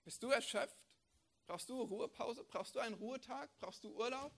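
A man preaching a sermon, emphatic and full of rhetorical questions, swinging between loud declarations and hushed lines. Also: very high voice, normal speed.

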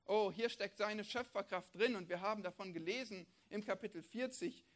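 A man preaching a sermon, emphatic and full of rhetorical questions, swinging between loud declarations and hushed lines. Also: high voice, normal speed.

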